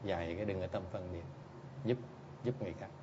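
Man, Buddhist teacher, dharma talk, blunt and teasing, middle pitch, muffled lo-fi recording, faint background hiss. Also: fast. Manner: blunt, teasing, keeps prompting listeners with "Hả?". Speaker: Buddhist teacher answering audience questions.

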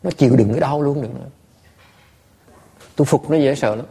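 A man, a Buddhist monk teacher, telling stories to listeners in an animated, laughing way with many stammered repeats. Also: mid-range voice, fairly quick, vocal fry, husky. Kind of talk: storytelling talk to listeners.

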